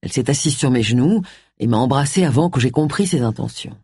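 A woman's voice: a bass voice, expressive, quick pace, dark tone, slightly rough, no echo, studio quality, pitched below the performer's own voice, heavily acted. A woman reading a storybook who voices a proud, prickly retired male police inspector, speaking stiffly and indignantly.

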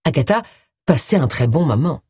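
An audiobook reader doing scripted narration with an expressive, lively delivery. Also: medium pitch, normal speed, slightly rough, dry recording.

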